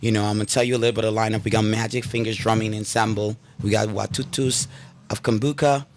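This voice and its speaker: A man's voice: fairly low pitch, fairly even intonation, fast talker, slight background noise. A man from Guyana, a guest on a radio talk show, talking with enthusiasm and many fillers from inside the studio. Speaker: guest, drumming school founder. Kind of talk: radio interview.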